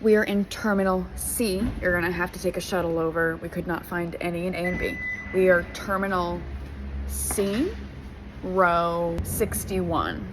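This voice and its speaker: A woman's voice: lowish voice, fairly even intonation. Chatty woman vlogging in noisy places. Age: late 20s. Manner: chatty, quick asides. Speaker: travel vlogger. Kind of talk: casual travel vlog.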